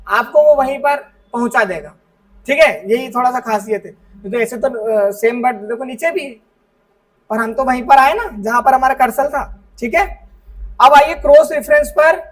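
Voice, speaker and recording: A man's voice: extremely high pitch, moderate pace, a bit bright, far from the mic, low-quality recording. A man teaching a computer class step by step to students in a classroom, often checking that they follow along. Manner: explains step by step, often checks understanding with "ठीक है". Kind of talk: classroom software lesson.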